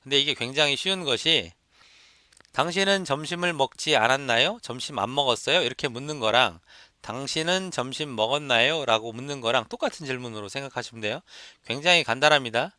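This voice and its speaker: A man's voice: medium pitch, a little fast, bright, forceful tone, no echo, studio quality. A man teaching an exam listening lesson, explaining step by step and repeating examples for students to copy. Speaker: English test instructor. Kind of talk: lecture.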